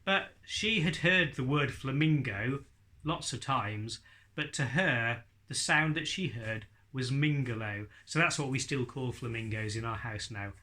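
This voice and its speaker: In a casual instructional video, a middle-aged man teaches ventriloquism in a chatty way with jokes thrown in. He speaks at medium pitch and a measured pace, with a sharp tone.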